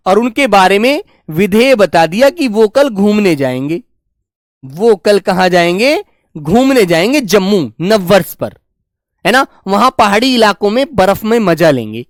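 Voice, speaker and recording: A man teaching a grammar lesson, dictating slowly and repeating phrases word by word, fondly reassuring his students. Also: high voice, no room sound, studio quality. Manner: fond, reassuring, calls students "dear children". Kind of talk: classroom lesson with slow dictation.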